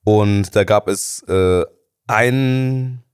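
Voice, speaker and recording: A man's voice: fairly low pitch, extremely slow, smooth, no room sound. A man in his thirties, a studio guest, telling his story casually with slang and acting out the people he quotes. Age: 30s. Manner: slangy, animated, acts out quoted dialogue.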